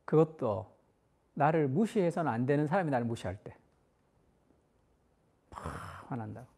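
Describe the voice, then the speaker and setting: A man's voice: mid-range voice, lively intonation, moderate pace, a little mellow, husky. A middle-aged man preaching a Sunday sermon as pastor, in a conversational style that moves between formal and casual speech.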